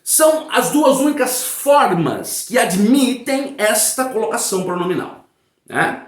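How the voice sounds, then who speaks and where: A man teaching a grammar lesson in a didactic way. He often checks that his students follow, and he reads example sentences slowly and with emphasis. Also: high voice, very animated, reverberant. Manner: didactic, checks understanding with frequent "né?" and "tá bom?".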